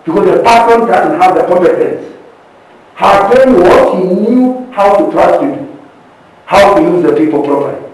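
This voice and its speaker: A man's voice: sits high, lively intonation, moderate pace, darkish tone. A man leading a group session on leadership, stressing his points by repeating them and checking in with the class. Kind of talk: interactive teaching session. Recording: echoey room, distant from the mic.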